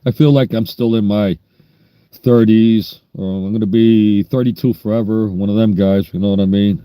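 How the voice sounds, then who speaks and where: Older new guy rambling on his live stream, blunt street talk, dark voice. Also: on the low side, fairly even intonation, normal speed, clear, resonant tone, no room sound. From New York. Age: 60s. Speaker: livestream host. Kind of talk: casual livestream chat.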